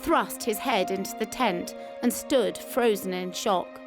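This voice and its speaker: Over background music, a woman with a mid-range voice narrates a scripted, first-person wartime memoir at a measured pace.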